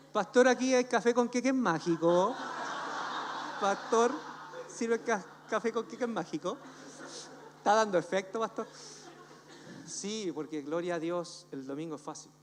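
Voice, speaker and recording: A man's voice: high voice, a little slow, long pauses. A man preaching a humorous sermon as pastor, telling stories with jokes and acting out the voices of the people in them. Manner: animated storytelling, jokes, acts out voices. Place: church hall. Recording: church hall reverb, faint hum.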